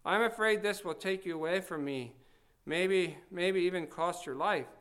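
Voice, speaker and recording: A man's voice: sits high, moderate pace, a bit bright, smooth. A man reading aloud the pleading lines of a frightened, grieving wife.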